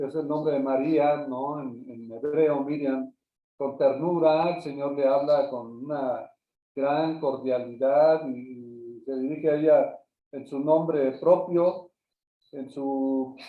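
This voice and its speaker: A man, a pastor, teaching a Bible class in a halting way, often repeating words and ending phrases with a questioning tag. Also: fairly high pitch. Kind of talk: Bible study lecture. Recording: echoey, distant, phone-like sound.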